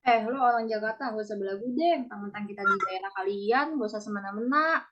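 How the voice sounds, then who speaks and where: A woman's voice: medium pitch, quick pace, noisy background, lightly acted. A young woman playing an indignant student who scolds sharply. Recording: slightly muffled sound.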